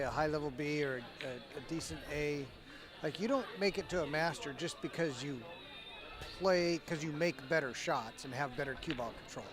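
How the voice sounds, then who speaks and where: A man commentating a pool match in casual live chat, talkative and teasing. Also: a little high. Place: busy convention hall by a pool tournament. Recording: live event with crowd noise and music.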